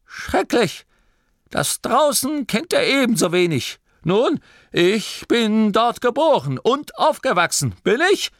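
Storybook reading, man playing a fussy old gnome granny, very high quavering voice, dry close sound. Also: big pitch swings, slow, a bit bright, dry recording, exaggerated voice. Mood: indignant.

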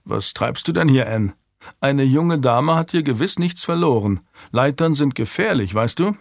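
A man voicing a courteous young earl in an audiobook, gallant and gently teasing. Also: medium pitch, lively intonation, normal speed, vocal fry, dry recording, studio quality, voice pushed up. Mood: gentle.

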